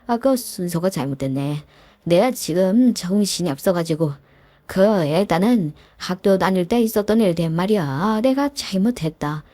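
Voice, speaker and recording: A woman's voice: lowish voice, animated, normal speed, warm tone, dry recording. A woman voicing a desperate, groveling middle-aged man who once bullied his classmate, pleading and whiny with many fillers. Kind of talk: story narration with acted dialogue.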